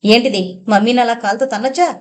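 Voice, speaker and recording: Casting: woman playing a firm, loud-voiced family man, strict with his child. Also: a little high, steady tone, fast, close to an everyday voice. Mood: scolding. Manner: scolding, raised and firm. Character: stern but loving father, firm disciplinarian.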